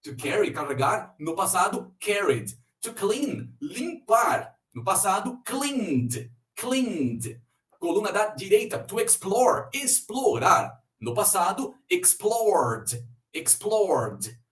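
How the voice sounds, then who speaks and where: A man teaching an English pronunciation lesson, explaining rules slowly and repeating each example word. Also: high voice, sing-song, fairly bright tone, roomy sound, far from the mic. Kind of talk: recorded online lesson.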